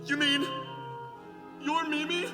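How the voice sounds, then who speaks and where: A man's voice: very high voice, flat delivery, takes it slowly. A man playing a flustered young groom in a stage musical, with a brash, exclaiming comic manner. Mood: earnest. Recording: echoey hall with music, from afar.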